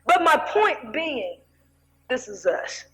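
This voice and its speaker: An older woman minister preaching a sermon, telling stories animatedly and acting out excited shouts. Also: high voice, slow pace, rough recording.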